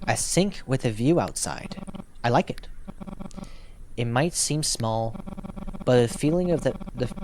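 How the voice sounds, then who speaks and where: A man's voice: medium pitch, a little hiss or hum, low-quality recording. Reflective man narrating his gameplay. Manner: thoughtful, reflective, talks to himself while playing. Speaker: gaming YouTuber. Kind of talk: let's play commentary, reading game text aloud.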